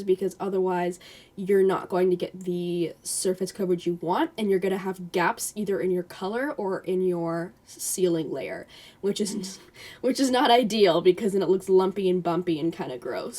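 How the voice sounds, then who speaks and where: A young woman giving a casual, chatty voice-over nail tutorial, with lots of fillers and a slightly hoarse voice. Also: medium pitch, mellow. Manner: chatty, filler-heavy, self-deprecating.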